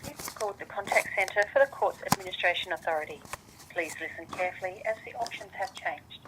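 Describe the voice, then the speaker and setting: A woman's voice in a recorded phone menu message, reading formal, measured announcements. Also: on the low side, background noise. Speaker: automated phone line announcer.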